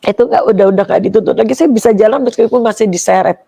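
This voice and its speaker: Gravelly, mellow-voiced woman. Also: fairly high pitch, fast talker. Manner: animated storytelling, acting out other people's lines. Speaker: guest giving a conversion testimony. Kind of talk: emotional personal testimony.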